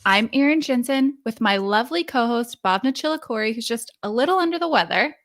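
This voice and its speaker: A woman's voice: fairly high pitch, expressive, fairly quick, fairly bright tone. A woman co-hosting a podcast in a casual, playful, teasing chat. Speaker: podcast co-host.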